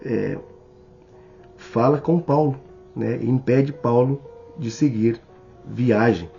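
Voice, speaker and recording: Brazilian guy teaching the bible slow, low mellow gravelly voice, kinda dull recording w faint music under. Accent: Brazilian Portuguese. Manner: slow and deliberate, addressing the listener directly. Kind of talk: sermon-style Bible study.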